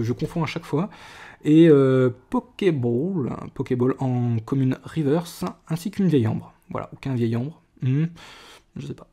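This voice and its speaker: A young man talks casually to his viewers while he opens cards. His voice is mellow and sits at a middle pitch. He chats loosely, with many fillers and restarts. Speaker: card collector vlogger. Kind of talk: casual card-opening video.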